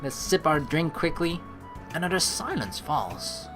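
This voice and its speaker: A woman with a low, sing-song voice keeps a measured pace while doing casual let's play commentary over game music. She rambles as she thinks aloud, reads game text, and swears casually now and then.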